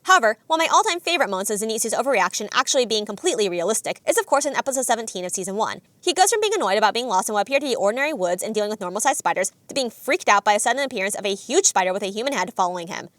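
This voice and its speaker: A woman's voice: a little high, expressive, racing, hardly any pauses, a bit bright, dry recording. A woman narrating a scripted video essay in an analytical, enthusiastic way.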